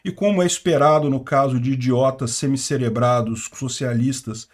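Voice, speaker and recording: A man's voice: medium pitch, normal speed. A man from Brazil hosting a news commentary on the war, talking informally and with strong opinions, often ending sentences with a questioning tag. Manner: informal, opinionated, frequent "né?" tags. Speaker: host of a war news channel. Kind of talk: news commentary over a map.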